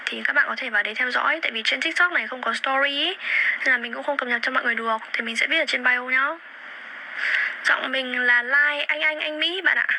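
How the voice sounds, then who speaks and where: A woman's voice: sits high, fast, rough recording. A young woman, chatting casually on a phone livestream and repeating words as she searches for them. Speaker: livestream host. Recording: phone livestream with steady background noise.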